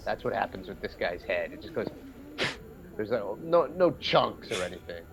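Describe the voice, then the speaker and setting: A man playing a tabletop game, describing his character's action in an enthusiastic, rambling way with a gravelly voice. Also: fairly low pitch, big pitch swings, moderate pace, rough recording. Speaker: player. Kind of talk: casual chat.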